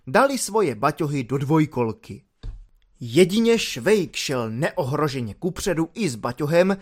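A man narrating a novel as an audiobook in a lively, expressive storytelling manner. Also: a little high.

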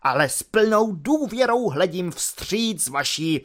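A man voicing a pompous, half-drunk young army lieutenant who shouts grand speeches at his troops in a storybook reading. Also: a little high. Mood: grandiose ranting.

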